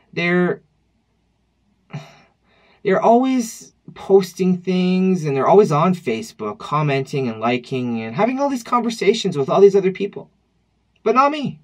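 Indoors in a dim room at home, a man in his thirties vlogs to camera in a reflective, wry tone, loosely restarting his sentences as he talks. His voice is high and very animated, yet unhurried, with frequent pauses.

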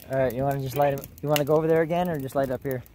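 A man's voice: mid-range voice, a little hiss or hum. A man vlogging outdoors by a fire at night on a handheld camera, joking, teasing and swearing with friends in casual chat. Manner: laughing, teasing, swearing, animated.

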